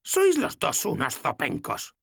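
Male narrator plays an old goddess as a high, husky, gruff woman who scolds bluntly, storybook read-aloud. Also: huge pitch swings, takes it slowly, no echo, clean studio sound, full character voice. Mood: scolding. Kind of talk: audiobook character voice.

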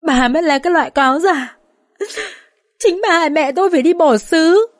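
A woman's voice: high-pitched, a little fast, no room sound, studio quality, voice pushed up, natural voice. A woman voicing a sly young stepdaughter who is crying and sobbing.

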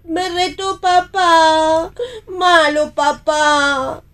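A woman's voice: very high-pitched, fairly even intonation, extremely slow, fairly bright tone, full character voice. A woman voicing a little girl who crones a lullaby and wants to be a mother, in a radio theatre reading. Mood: whiny. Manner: sing-song lullaby crooning, whiny.

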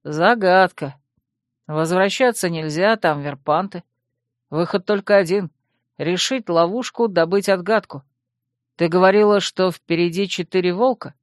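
A man's voice: high-pitched, a little slow, dry recording. Woman doing a pensive young werewolf guy thinking aloud, dry read.

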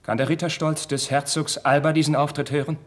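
In a 1950s German radio drama, an actor plays an impassioned, proud young Spanish crown prince, using declamatory, theatrical diction in a slightly husky voice. The male voice sounds natural, a little high and a little fast, with little pitch movement, and his mood is scornful.

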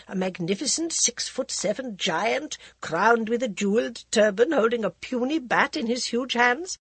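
A woman reading aloud takes on a theatrical society lady, all gush and scandal, whose voice swoops high and lively as she trades gossip. It has a slightly husky edge and a close, dry sound. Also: no room sound, full character voice. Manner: gushing, breathless, calls everyone darling.

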